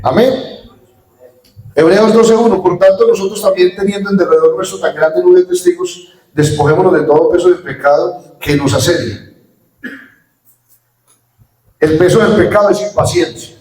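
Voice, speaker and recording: A man preaching a Pentecostal sermon as pastor, quoting scripture with sudden rises and drops in loudness. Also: high-pitched, animated, normal speed, pauses often. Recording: echoey room from far off.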